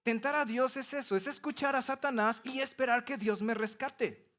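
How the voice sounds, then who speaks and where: High-voiced man preaching. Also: steady tone, normal speed, a bit bright. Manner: conversational, explains step by step with everyday examples. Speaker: pastor. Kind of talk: sermon.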